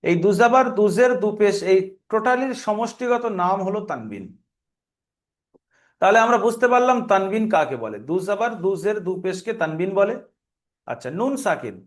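A man's voice: sits high, expressive, normal speed. A male teacher with a Bengali accent giving a recorded reading lesson, patiently spelling out letters and repeating drills.

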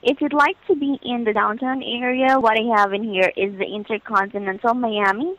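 Her voice sits on the high side, fairly bright, with fairly even intonation and normal speed, and there's no room sound. As a hotel booking agent on the phone, she's polite and patient, using routine service phrases, in a muffled lo-fi recording over a telephone line.

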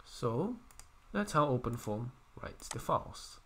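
Man hiccuping through a software tutorial. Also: medium pitch, slight background noise. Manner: halting, self-correcting, counts points aloud. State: coughing, hiccuping. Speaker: engineering tutor. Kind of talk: screen-recorded software tutorial.

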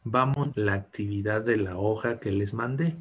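A man with a lowish voice talks at a normal speed while teaching English to children in an online class over a video call. He is patient and encouraging and switches between English and Spanish.

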